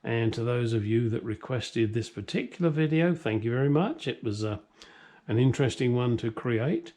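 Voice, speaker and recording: A middle-aged man with a British accent and a dark, medium-pitched voice speaks at a moderate pace. As host of a classic car vlog, he rambles casually to camera from his home workshop, blunt and jokey while often putting himself down.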